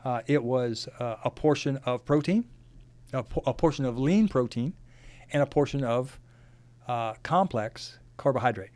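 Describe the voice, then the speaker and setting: A man speaks plainly as a podcast guest, often pausing with ums and uhs. His voice sits at a middle pitch. The recording is dry and close. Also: darkish tone, no echo. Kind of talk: casual conversation.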